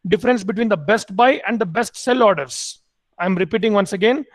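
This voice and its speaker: A man's voice: high-pitched, fairly quick. A man lecturing an online MBA class, repeating key points and quizzing students with questions.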